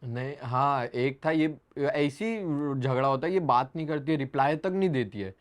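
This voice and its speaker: A young man, an interview guest, telling stories in a halting way, searching for words, with bursts of laughter. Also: mid-range voice. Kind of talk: casual storytelling interview.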